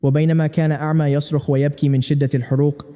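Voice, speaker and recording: A man narrating a recap story in a steady, dramatic storytelling manner. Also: fairly high pitch, very fast, big-room sound.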